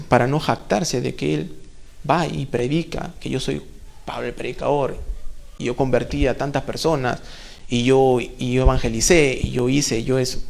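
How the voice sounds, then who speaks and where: A man's voice: fairly high pitch, vocal fry, a little mellow. A man preaching a sermon in a church, conversational, full of rhetorical questions and playful asides.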